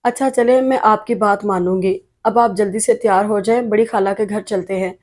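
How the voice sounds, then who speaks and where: A woman narrator voicing a playful, teasing young woman who has just finished her degree, in a lively tone. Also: mid-range voice, normal speed, natural voice.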